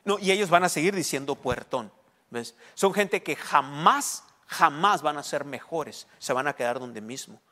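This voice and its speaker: A man preaching a sermon in a conversational way, often asking listeners if they understand and slowing down to stress key words. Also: a little high, expressive, sharp tone. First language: Spanish. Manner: conversational preaching, frequent check-ins with listeners; emphatic, slows down on key words. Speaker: pastor.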